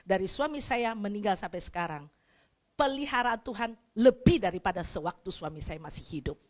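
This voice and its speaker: A middle-aged woman pastor preaching a sermon bluntly, now and then breaking into loud shouts. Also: mid-range voice, lively intonation, fairly quick. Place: church hall, livestreamed.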